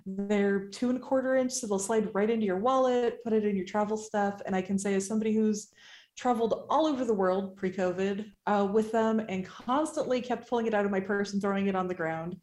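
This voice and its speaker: Speaking a little fast in a medium, slightly mellow voice, a woman guests on a podcast as an artist, joking casually about herself. The recording comes from an echoing artisan shop interior.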